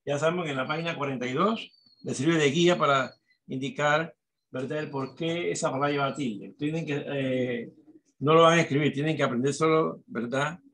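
A man's voice: on the high side, steady tone, moderate pace, fairly bright tone, a little hiss or hum. Man teaching, often asking "¿verdad?". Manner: instructive, repeats and checks with "¿verdad?". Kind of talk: classroom dictation.

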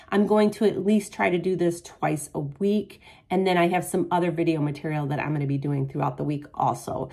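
An American woman who runs a keto cooking channel has a cold, leaving her lowish voice stuffy and nasal. She chats casually while walking through a home cooking video, explaining prices step by step.

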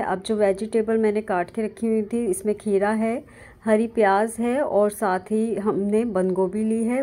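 A woman hosting a cooking channel with a Pakistani Urdu accent, calmly narrating a recipe step by step in a voice-over. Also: a little high. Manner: calm step-by-step instructing.

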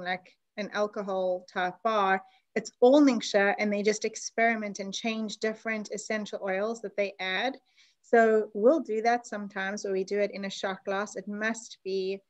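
Woman host, chatty explainer, video call class. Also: medium pitch. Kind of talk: online class presentation.

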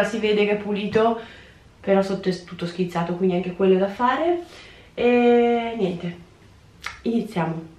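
A woman's voice: medium pitch, a little mellow. A woman in her twenties chatting casually to viewers while she cleans a small bathroom, filmed by a camera on the counter. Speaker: vlogger. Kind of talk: casual cleaning vlog chat. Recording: echoey tiled room.

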